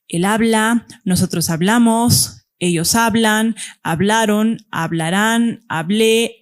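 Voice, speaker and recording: A woman teacher giving a classroom grammar lesson, explaining step by step and often checking that the students follow. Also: mid-range voice.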